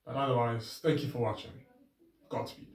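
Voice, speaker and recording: A man vlogging a casual, rambling self-reflective monologue, his voice drifting between a trained register and a softer natural one. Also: mid-range voice, level tone, moderate pace. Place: outdoors with his bike. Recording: roomy, distant camera sound.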